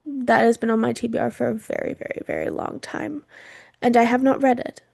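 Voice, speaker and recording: Chatty woman with a gravelly voice. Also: on the high side, fairly even intonation, a little fast, a little mellow, dry recording, clean studio sound. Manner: chatty, laughs often, lots of fillers. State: throat irritated from wildfire smoke. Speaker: podcast co-host. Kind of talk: casual chat.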